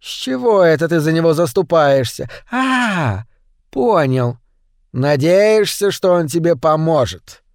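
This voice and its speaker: A man's voice: on the high side, big pitch swings, measured pace, dry recording, studio quality. A man playing a cruel, short bullying master who barks and sneers at his servant. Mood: sneering. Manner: barking, sneering and mocking.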